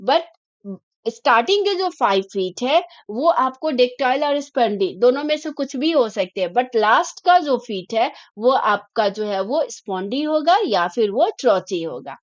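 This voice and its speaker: A woman's voice: on the high side, lively intonation, normal speed, dry recording, muffled recording. A woman teacher giving an exam-prep lecture, explaining step by step and mixing English terms into Hindi.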